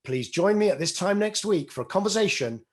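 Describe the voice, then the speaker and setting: A male podcast host speaks in a slightly higher-than-usual voice, steering the conversation and closing the show. His talk is loose and conversational, dotted with ums and uhs as he gathers his thoughts. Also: animated, a little fast. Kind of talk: interview and show outro.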